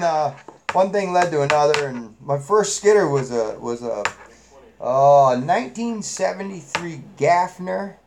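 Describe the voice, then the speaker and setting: A man's voice: fairly high pitch, gravelly, background noise. A middle-aged man with a New England accent, hosting a live chat and telling rambling, salty, folksy stories full of fillers. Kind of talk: casual storytelling chat.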